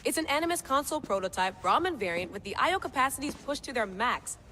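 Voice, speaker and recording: High, bright and forceful, this animated, quick-paced female voice portrays a driven, wry scientist and cell leader obsessed with an artifact, pushing her work forward despite warnings. The game cutscene was recorded in a long-reverb room with faint noise.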